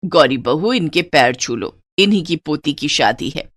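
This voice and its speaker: A woman's voice: low voice, expressive, a little slow, fairly bright tone, dry recording, clean studio sound, voice pushed down, heavily acted. A woman voicing a strict, old-fashioned elderly mother-in-law who talks in a stern, scolding way. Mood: instructing.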